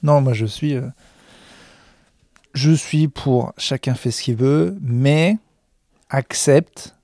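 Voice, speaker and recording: A stand-up comedian rambling backstage in a self-mocking vlog monologue, full of hesitations, into a handheld recorder. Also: male voice, mid-range voice, slow, warm tone, no echo, clean studio sound. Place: backstage room of a comedy club.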